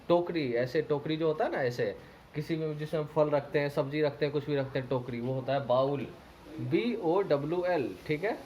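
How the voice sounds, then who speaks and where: A man teaching a primary school English lesson with an Indian accent, reading a children's story slowly, repeating words and spelling them out letter by letter. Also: a little high, darkish tone, a little hiss or hum, rough recording.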